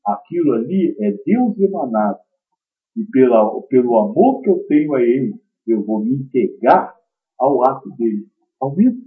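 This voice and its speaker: A man giving a spiritist teaching talk, emphatic and swinging between loud stresses and quiet asides. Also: mid-range voice, big pitch swings, normal speed. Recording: dull lo-fi recording.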